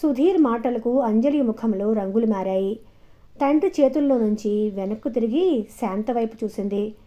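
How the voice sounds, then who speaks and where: A woman's voice: on the high side, moderate pace. Woman narrating an audio story. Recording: dull lo-fi audio.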